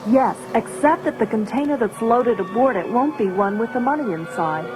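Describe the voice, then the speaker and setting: An actress playing a commanding young rebel princess with an American accent, brisk and businesslike, in an audio drama. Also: female voice, fairly high pitch, lively intonation, over music, natural voice. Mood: earnest, briefing. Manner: businesslike, assured, clearly articulated.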